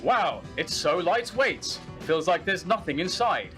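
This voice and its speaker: A man's voice: sits high, big pitch swings, unhurried, exaggerated voice. A man voicing an amazed, gushing sidekick in a parody ad. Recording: ad with loud music.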